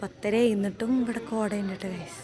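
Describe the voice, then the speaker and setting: A woman's voice: medium pitch, fairly even intonation, brisk, crowd noise. A young woman chatting casually to her travel vlog viewers, mixing in occasional English words. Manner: addresses viewers often, informal, mixes in occasional English words. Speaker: family travel vlogger. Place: in a car and outdoors on a road trip. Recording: noisy vehicle and outdoor ambience.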